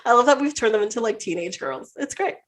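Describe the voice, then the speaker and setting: A woman's voice: a little high, expressive, fast talker. A woman hosting a podcast in casual chat, giggly and chatty with lots of fillers. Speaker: podcast host.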